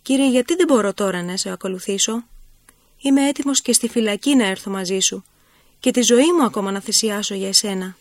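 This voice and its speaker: A woman's voice: medium pitch, no echo, natural voice. Peter, an eager disciple, read by a woman. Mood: earnest. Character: Peter, an eager, devoted grown male disciple.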